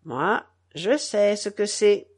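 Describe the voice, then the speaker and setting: A woman's voice: on the low side, moderate pace, voice pushed down, close to an everyday voice. A woman voicing a smug young man who mutters and grumbles that he knows it all. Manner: mumbling, grumbling.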